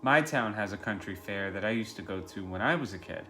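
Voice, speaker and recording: In a living room at home, a man in his thirties reads a picture book aloud, speaking simply and directly to young children as a preschool teacher would, asking them questions and giving plain explanations. His voice sits on the low side, with lively intonation and a brisk, pushed, bright delivery. A little background noise is audible.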